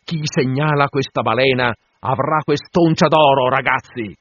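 A fierce, tormented whaling captain acted by a male narrator rallies his crew in grand exclamations. The voice is loud, raised and husky, full of obsessive command. It is an audiobook performance with a slightly dull, dry sound. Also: mid-range voice, normal speed, no room sound, natural voice. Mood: fierce rallying. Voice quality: forceful shouting delivery.

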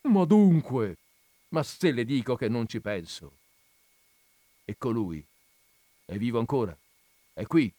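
A man's voice: mid-range voice, lively intonation, slow, long pauses, warm tone, dry recording. A man voicing a stubborn young villager who answers bluntly and defiantly. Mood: insistent.

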